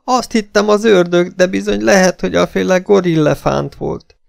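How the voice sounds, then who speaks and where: A frantic older woman servant wails in high, shrill, drawn-out cries, as a male audiobook narrator puts her on. Her voice sits far above a man's usual pitch and carries a gravelly edge. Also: steady tone, no room sound, studio quality.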